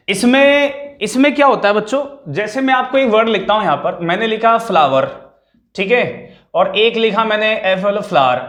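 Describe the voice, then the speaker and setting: High-voiced man teaching vocabulary, echoey room. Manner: explains in Hindi mixed with English terms, asks the class questions then answers them. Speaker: English teacher. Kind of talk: online vocabulary lesson.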